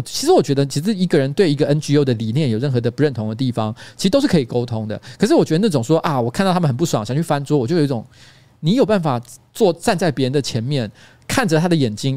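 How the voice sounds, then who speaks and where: A man in his thirties with a Taiwanese Mandarin accent, hosting a radio-style livestream as an animated, self-mocking storyteller. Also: medium pitch, no echo. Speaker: host.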